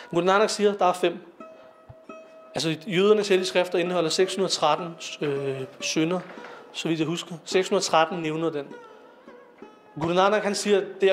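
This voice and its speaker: A young man gives a relaxed, informal lecture, full of fillers and little check-in questions to his audience. His voice sits a little high for a man. Soft music plays faintly underneath. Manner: conversational, with frequent fillers and tag questions. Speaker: lecturer on Sikh philosophy.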